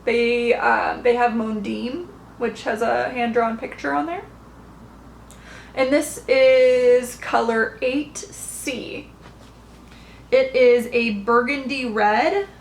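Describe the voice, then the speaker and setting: Woman, podcast host, unhurried rambling chat, slightly high, echoey room. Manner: chatty, rambling, many fillers and restarts. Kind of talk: casual chat showing yarn haul. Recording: echoey room, faint background noise.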